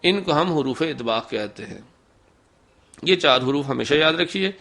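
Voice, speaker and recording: A man gives a recitation lesson in a fairly high voice with a crisp, bright edge. He explains patiently and step by step. He pauses to pronounce each letter slowly as a demonstration. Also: animated. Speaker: Quran recitation teacher. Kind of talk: instructional lesson.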